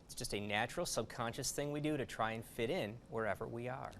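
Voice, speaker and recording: A man reporting live for the news in a friendly, animated way. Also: medium pitch, fairly quick, vocal fry, slight background noise. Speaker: field reporter.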